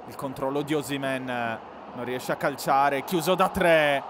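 A man giving live football commentary, excitable and given to bursting into shouts at chances. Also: medium pitch, a little slow. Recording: constant stadium-like background noise.

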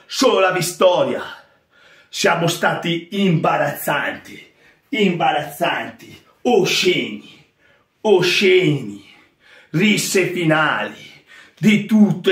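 Slow, disgusted man in echoey room. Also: fairly high pitch, a bit bright. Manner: clipped, repeated phrases. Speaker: football fan. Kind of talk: disgusted post-match reaction.

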